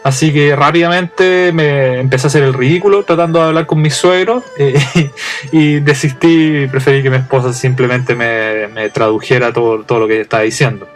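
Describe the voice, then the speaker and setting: A man's voice: medium pitch, steady tone, moderate pace, soft background music. A young adult man from Chile with a Chilean accent, hosting a casual storytelling monologue in a chatty, humorous way, full of restarts and fillers. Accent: Chilean Spanish. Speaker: podcast host.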